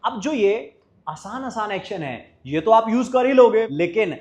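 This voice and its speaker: A man's voice: high voice, lively intonation, measured pace, a little mellow, dull audio. A man teaching a basic spoken English class in Hindi. He keeps asking the class questions and answering them himself.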